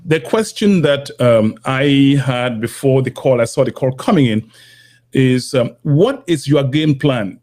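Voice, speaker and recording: A man hosting a call-in interview show, asking brisk, probing questions. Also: medium pitch, animated, a little mellow. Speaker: talk show host.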